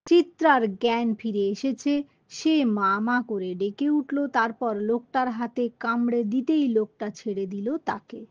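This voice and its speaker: A woman reading a children's story aloud, slowly, sometimes rereading lines and explaining words. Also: on the high side, dry recording, muffled recording.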